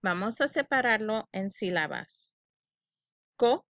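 A woman's voice: medium pitch, expressive, takes it slowly, fairly bright tone. A woman teaching children a phonics lesson, drawing out each syllable and repeating sounds for learners to echo.

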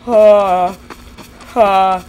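A woman's voice: medium pitch, steady tone, very slow, very noisy. A young woman commentating horror gameplay, jittery and bursting into frightened shrieks. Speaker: gamer.

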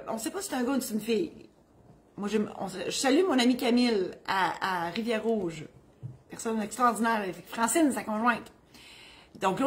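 A middle-aged woman with a Quebec French accent, a notary who gives legal advice in a chatty, joking, digressive way and explains things plainly. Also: medium pitch. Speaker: notary answering legal questions. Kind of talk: humorous legal advice column.

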